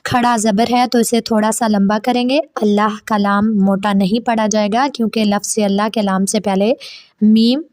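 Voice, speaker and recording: A woman's voice: medium pitch, level tone, a little mellow, dry recording. A woman teaching Quran recitation, explaining each sound step by step and demonstrating it. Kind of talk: tajweed lesson.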